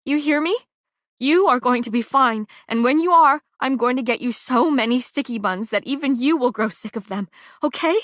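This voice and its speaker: A woman's voice: high-pitched, expressive, measured pace, dry recording, studio quality, pitched above the performer's own voice, exaggerated voice. A woman voicing a desperate young woman who pleads and sobs over a dying friend in an audiobook. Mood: pleading. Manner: frantic, sobbing, raised and loud. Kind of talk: audiobook character voice.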